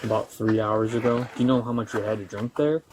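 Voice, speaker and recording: A man's voice: lowish voice, flat delivery, a little fast. Patient male police officer. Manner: patient, reassuring, hesitant fillers. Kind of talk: calm on-duty questioning. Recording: body camera audio with faint noise.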